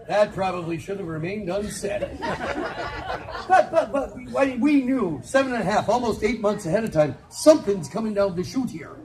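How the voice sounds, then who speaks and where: A middle-aged man doing live comedic storytelling on an outdoor festival stage, with animated, teasing banter aimed at the audience. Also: extremely high pitch. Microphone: handheld phone in the audience. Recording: distant phone recording with crowd. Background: audience laughter.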